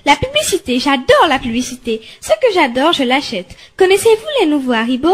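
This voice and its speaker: A wife hooked on advertising who can't stop pitching products, played by a woman in an amateur radio skit. She talks in a high voice with pushy, gushing enthusiasm. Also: sing-song, a little fast. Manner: pushy, gushing sales talk. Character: ad-obsessed chatty immigrant wife.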